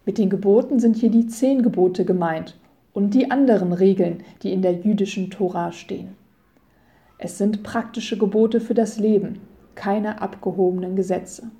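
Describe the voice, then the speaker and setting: A middle-aged woman preacher with a deep, mellow warmth delivers a scripted radio devotion. Her sermon is calm and measured, with solemn scripture quotations.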